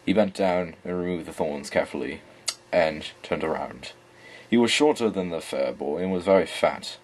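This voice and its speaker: A man with a deep voice reads a novel aloud in an affected English accent. His tone is husky and slightly breathy. He trips over words now and then and starts them again. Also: moderate pace. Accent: put-on English. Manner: stumbling, self-correcting reading. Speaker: amateur reader. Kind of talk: audiobook reading.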